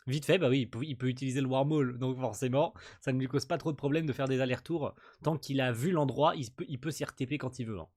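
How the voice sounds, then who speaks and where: A man hosting a casual manga chapter reaction, excitable, swearing and laughing as he reads panels aloud. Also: medium pitch, quick pace, hardly any pauses.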